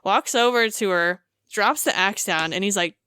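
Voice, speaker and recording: A woman co-hosting a podcast, recounting a game scene in casual chat, animated and full of fillers. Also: mid-range voice, moderate pace, clean tone, no room sound, studio quality. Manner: animated storytelling with many fillers. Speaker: podcast co-host.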